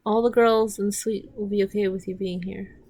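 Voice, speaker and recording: This watch-along commentator speaks fairly quickly in a medium-pitched, slightly mellow voice with fairly even intonation. She casually recaps the show's scenes as she rambles, restarting often, and swears when something annoys her.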